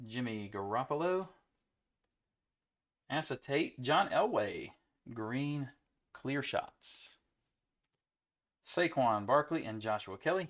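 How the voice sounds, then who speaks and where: Host, man, young adult, mid-pitched, relaxed chatter while opening card packs on a home stream. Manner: easygoing, rattles off player names between chat.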